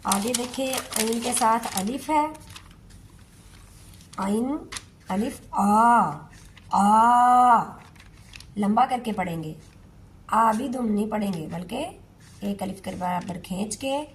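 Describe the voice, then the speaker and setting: A woman's voice: a little high, long pauses, a little hiss or hum. Patient woman teaching Quran recitation. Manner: patient, repeats words, stretches recited syllables. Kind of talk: slow step-by-step recitation lesson.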